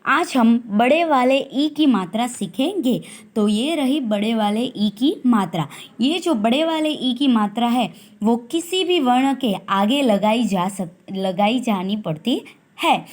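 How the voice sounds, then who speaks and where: A woman teaching a primary school language class, speaking slowly and deliberately and stretching syllables to model how each word is pronounced. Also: fairly high pitch, lively intonation. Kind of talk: recorded online class lesson.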